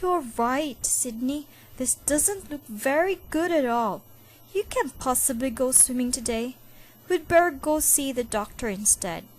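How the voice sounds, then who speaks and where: A woman voicing a kind, patient mother who talks gently and soothingly. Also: sits high, animated, unhurried, voice pushed up.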